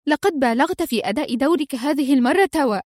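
A woman's voice: sits high, animated, fast, dry recording, studio quality, pitched above the performer's own voice. A woman voicing a fierce, nervous female spy in a read-aloud spy story. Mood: sharp fierce. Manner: sharp and nervous.

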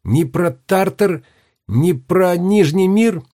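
A stubborn young girl from a storybook, played by a man with his voice lifted clearly higher. She talks in sharp, quick-tempered exclamations and retorts. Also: expressive. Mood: bewildered.

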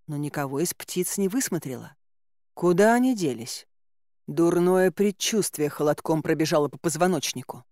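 A woman narrating a fantasy audiobook in the first person, in an expressive style with exclaimed asides. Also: on the low side, no echo, studio quality. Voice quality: animated, exclaiming inner monologue.

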